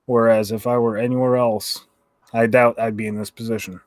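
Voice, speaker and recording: A man's voice: mid-range voice, level tone, fairly quick, dry recording. A man co-hosting a casual podcast, speaking earnestly and asking the others questions. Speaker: podcast co-host. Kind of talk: casual chat.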